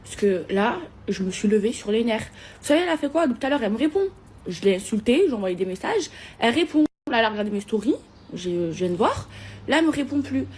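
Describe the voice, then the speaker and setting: A woman's voice: a little high, big pitch swings, fast talker, darkish tone, slight background noise. A woman ranting indignantly in a social media story, agitated and worked up. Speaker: influencer posting a story. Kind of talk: angry social media rant.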